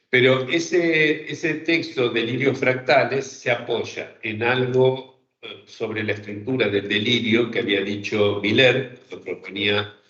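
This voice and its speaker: A man's voice: lowish voice, fairly bright tone. A man teaching an online psychoanalysis seminar, talking thoughtfully with many fillers and checks to his listeners. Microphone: video call. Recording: roomy, dull online call audio.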